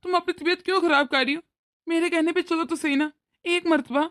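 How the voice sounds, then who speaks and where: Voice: very high-pitched, fairly even intonation, a little fast, fairly bright tone, no echo, clean studio sound. A voice actor playing a weary, peacemaking older father-in-law in a cartoon, pleading with his wife. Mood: soothing. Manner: pleading, soothing. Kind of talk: cartoon voice acting.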